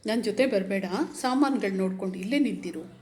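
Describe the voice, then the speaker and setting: Woman reader doing a gruff forties gentleman in a read-aloud story, short-tempered and clipped. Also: medium pitch, a little fast, lightly acted. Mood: irritated. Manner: curt, scolding. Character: well-off middle-aged man, curt and impatient.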